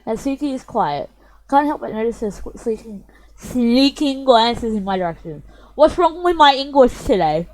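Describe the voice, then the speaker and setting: A woman's voice: fairly high pitch, expressive, moderate pace, low-quality recording. A young woman reading a visual novel aloud for her stream, chatty and self-mocking, with a slightly sore voice. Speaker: gaming streamer.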